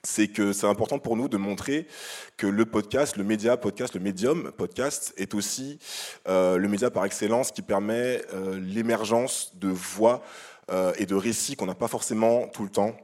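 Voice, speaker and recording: A man speaking as a jury member presenting an award, in a semi-improvised speech, pausing often to find his words. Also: lowish voice, darkish tone.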